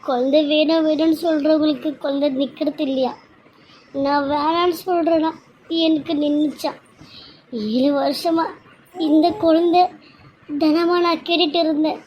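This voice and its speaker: A woman's voice: high voice, fairly even intonation, moderate pace, long pauses, lo-fi sound, a little hiss or hum, lightly acted. A woman voicing Trisha, a tearful pregnant young wife. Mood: tearful pleading. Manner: pleading, sobbing lament. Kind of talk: cartoon serial voice acting.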